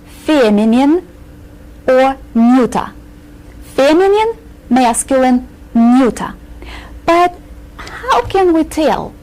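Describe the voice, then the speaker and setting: A woman teaching a scripted Russian lesson in English, drilling words slowly and carefully for learners to repeat. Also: high voice, darkish tone, low-quality recording. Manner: slow, careful, emphatic teaching with drilled repetition.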